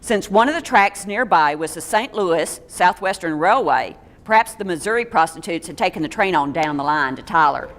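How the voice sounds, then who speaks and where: A woman's voice: lowish voice, lively intonation, normal speed, hardly any pauses, a bit bright, in a large hall, slight background noise. A woman giving a local history talk to an audience in a meeting room, reading steadily from notes with small stumbles and dry asides.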